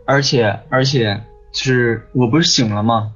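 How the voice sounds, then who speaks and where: On a ghost-story podcast, a male guest with a mid-range voice tells a long personal story at a slightly slow pace, rambling, repeating words and often asking "你知道吗" ("you know?"). The sound is dull and lo-fi, with faint music underneath.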